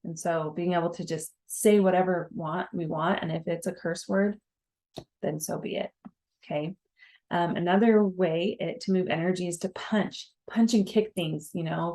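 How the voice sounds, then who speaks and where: A woman's voice: on the low side, darkish tone. A young woman giving a casual breathwork lesson, talking conversationally with frequent fillers and checking in with listeners. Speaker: breathwork teacher. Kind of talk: casual teaching talk.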